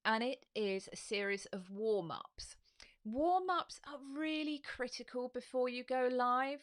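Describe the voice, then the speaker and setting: A middle-aged woman, a voice coach, teaching in a lively, demonstrative way with frequent laughs, on a studio microphone at home. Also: fairly high pitch, a little slow. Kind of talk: instructional live video. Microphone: studio microphone on a stand.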